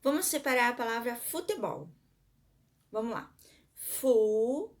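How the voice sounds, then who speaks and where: Woman, Brazilian Portuguese accent, schoolteacher, recorded lesson, mid-pitched voice, patient step-by-step explaining, sounds out syllables. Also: unhurried. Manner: asks the class questions and answers them herself. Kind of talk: recorded remote lesson for pupils.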